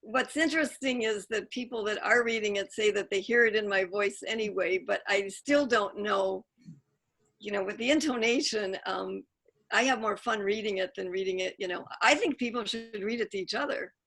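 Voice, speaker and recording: A woman's voice: medium pitch, moderate pace, a bit bright. A middle-aged woman author on a video call, talking in a chatty, self-interrupting way. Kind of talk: casual Zoom Q&A.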